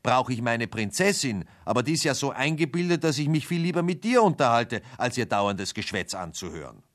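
A man voicing a talking frog in a bedtime story, chatty and gentle. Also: mid-range voice, big pitch swings, brisk, pitched above the performer's own voice. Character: vain-averse frog prince, chatty and gentle.

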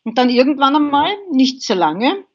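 A woman's voice: high voice, moderate pace, breathy edge, lo-fi sound. A woman, a podcast guest vividly recounting a crash she survived. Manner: vivid, animated storytelling. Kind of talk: interview, telling a survival story.

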